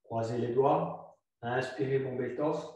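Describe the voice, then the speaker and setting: A yoga teacher guides a flow class, calm and instructive, slowly repeating his cues in a medium-pitched voice. The room is very echoey and he is far from the mic.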